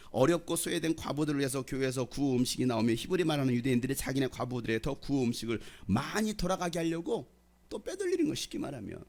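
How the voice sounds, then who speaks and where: A middle-aged male pastor from the Jeolla region preaching a sermon, quizzing and teasing the congregation. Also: on the high side. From Jeolla, South Korea.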